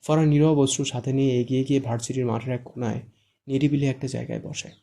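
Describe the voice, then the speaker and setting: A man narrating an audiobook in an even storytelling manner. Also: mid-range voice, quick pace, gravelly. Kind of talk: scripted narration.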